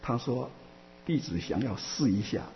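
Guy giving a buddhist dharma talk, gravelly, keeps restarting, muffled hall w a faint hum. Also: medium pitch, expressive. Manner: halting, many restarts and drawn-out fillers. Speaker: Buddhist teacher answering questions.

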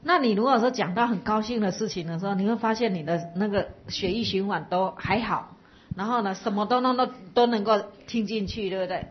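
A woman's voice: mid-range voice, a little fast, dull audio. Patient woman giving a dharma talk. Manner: patient, explanatory, asks listeners to reflect. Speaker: Buddhist teacher. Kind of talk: dharma talk to a live audience.

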